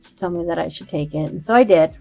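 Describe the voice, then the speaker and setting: A soft-spoken middle-aged woman, a psychic medium guest, telling personal stories casually and acting out the conversations she recalls. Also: lowish voice, very fast, gravelly, faint music behind. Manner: soft-spoken, re-enacts conversations, many fillers. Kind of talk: casual storytelling interview.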